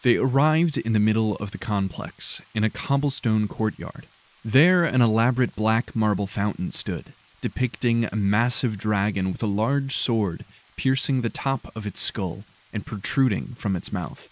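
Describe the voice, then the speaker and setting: Low-voiced man narrating a dark tale. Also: a little slow. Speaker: audiobook narrator. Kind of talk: scripted narration of a dark fantasy audiobook.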